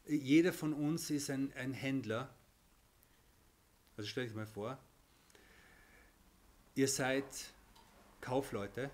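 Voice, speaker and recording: A man's voice: medium pitch, a little hiss or hum. A man teaching a religious lesson, explaining with everyday examples, often restarting and checking in with "okay?".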